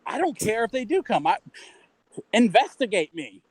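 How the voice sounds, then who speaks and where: A man's voice: very high-pitched, sing-song, moderate pace, slightly rough, dry recording, low-quality recording. A man co-hosting a casual livestream chat, ranting heatedly with profanity and mocking quotes. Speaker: livestream co-host.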